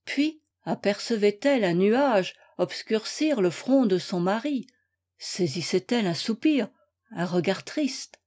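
A woman reading a classic novel aloud in a measured, dramatic way. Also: mid-range voice, lively intonation, darkish tone. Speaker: audiobook reader. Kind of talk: scripted literary narration.

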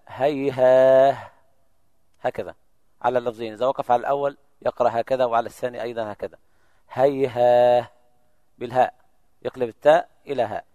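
A man in a religious lesson demonstrating Quranic recitation, drawing out example words slowly and then explaining them quickly. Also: mid-range voice, mellow, no room sound. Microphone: lecture microphone.

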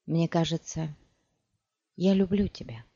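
A woman's voice: lowish voice, sing-song, measured pace, dry recording. Proud fiery sorceress, read by a woman, biting mockery, audiobook, dull dry sound. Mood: pleading. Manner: sharp, biting, mocking.

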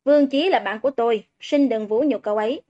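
A woman voicing a calm, detached male high-school student who speaks curtly, in a dull lo-fi recording. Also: quick pace, lightly acted. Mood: cold, dismissive. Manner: detached, curt.

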